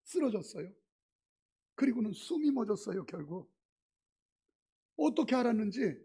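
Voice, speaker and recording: Middle-aged pastor guy preaching, husky gravelly high voice, big dramatic outbursts. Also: warm tone. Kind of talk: sermon. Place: church sanctuary.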